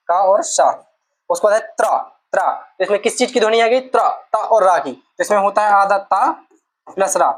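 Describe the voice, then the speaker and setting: A woman's voice: mid-range voice, poor audio. A woman teaching an exam-prep Hindi lesson, going through each letter patiently, repeating sounds and asking the class questions.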